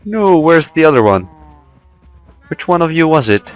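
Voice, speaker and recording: A man's voice: fairly high pitch, big pitch swings, moderate pace, poor audio. A young man chatting casually and rambling with amusement as he plays and comments on a game. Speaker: let's play host.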